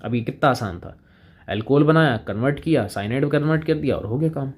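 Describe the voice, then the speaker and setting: A man's voice: medium pitch, brisk, a little hiss or hum. A man teaching chemistry in a casual lecture, chatting with students and playing both sides of the conversation.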